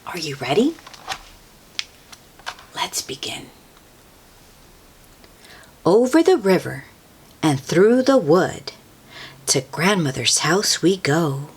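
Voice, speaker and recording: Reading a picture book aloud for young children, this female host uses a lower voice and a slow pace with long pauses, and a faint hiss or hum sits under the audio. She's sing-song and expressive, asking the listener questions and adding soft exclamations.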